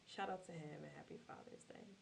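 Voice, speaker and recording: Woman, podcast co-host, low voice, heavy vocal fry, faint hiss. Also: a little fast. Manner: warm-hearted, laughing, relaxed. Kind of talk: casual podcast chat.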